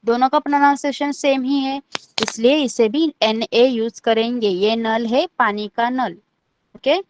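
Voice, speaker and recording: A woman's voice: on the high side, steady tone, measured pace. A woman teaching an online language class, patiently repeating each letter and checking that everyone understands.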